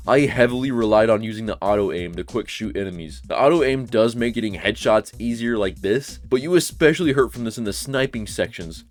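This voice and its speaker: Brief: young man, mid-range voice, blunt, profane game-review commentary. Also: mid-range voice. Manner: sarcastic, blunt, swears. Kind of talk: casual video game commentary.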